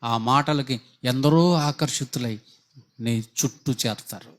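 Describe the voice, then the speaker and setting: A man's voice: mid-range voice, a little slow. A man preaching a sermon, pressing his listeners with rhetorical questions and fervent appeals. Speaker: pastor. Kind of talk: Telugu sermon.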